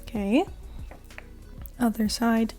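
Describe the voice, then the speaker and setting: A woman with a cold talks casually while she draws, her voice hoarse and raspy, quiet and monotone, sometimes dropping to a soft murmur. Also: on the high side, takes it slowly, soft background music. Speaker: art vlogger. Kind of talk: casual talk while drawing.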